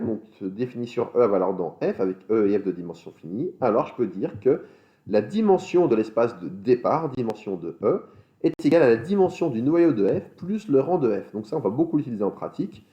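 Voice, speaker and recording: Man teaching math, mellow lo-fi voice. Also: medium pitch. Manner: explanatory, with spoken fillers and self-corrections. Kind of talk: recorded lecture. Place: school in France.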